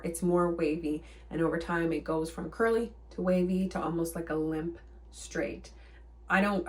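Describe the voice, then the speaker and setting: A woman talks straight to her viewers about hair care, her voice sitting a little low for a woman. She hammers her points home with repetition and a firm, reassuring coaching tone. The mic is set a little away from her. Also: darkish tone, far from the mic. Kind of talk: direct-to-camera advice vlog.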